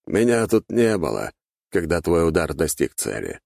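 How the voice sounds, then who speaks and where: Male narrator as a dark mage, cold, calm, mocking, gravelly, low. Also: normal speed, dry recording, full character voice. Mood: coldly amused.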